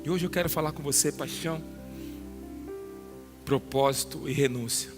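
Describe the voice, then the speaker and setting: A Brazilian pastor with a Brazilian Portuguese accent preaching a sermon to a congregation, questioning listeners by name and building to loud emphatic peaks. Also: male voice, on the high side, normal speed, over music. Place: church hall.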